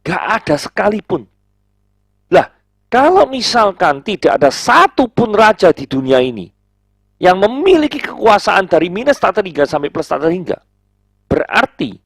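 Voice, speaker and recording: Preacher, man, gravelly and lively, dry close sound. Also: high-pitched, no room sound. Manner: animated, conversational, rhetorical questions to the listener. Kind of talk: sermon.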